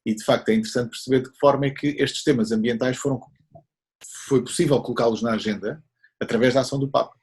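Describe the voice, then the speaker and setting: A man's voice: medium pitch, steady tone, quick pace, darkish tone, breathy edge. A man, a scout leader answering interview questions in an earnest, explanatory way.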